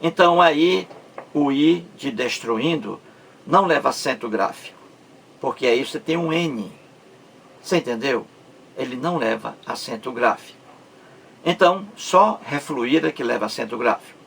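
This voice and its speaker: A man's voice: mid-range voice, lively intonation, gravelly, a bit bright, slight background noise. A man teaching a grammar lesson, drawing words out syllable by syllable and often asking his listeners if they understood. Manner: slow, stretches out words syllable by syllable, asks rhetorical check-ins. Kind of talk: explanatory video lesson.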